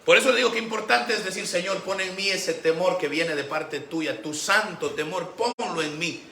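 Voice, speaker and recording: A man preaching a Sunday sermon as pastor, animated, acting out the voices he quotes. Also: high-pitched, normal speed, vocal fry. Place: church sanctuary. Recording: echoey church room with faint background noise.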